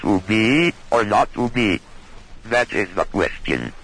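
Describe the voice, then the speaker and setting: A man's voice: fairly low pitch, very animated, slow pace, a bit bright, husky, poor audio. An early speech-synthesis computer with a stiff, male-sounding robotic voice. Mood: reciting.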